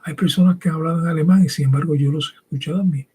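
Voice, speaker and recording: He preaches at a quick clip in a slightly high, warm voice with a breathy edge, keeping his tone steady. Raised bilingual in English and Spanish, the man reads scripture and teaches emphatically, often pausing for short rhetorical questions.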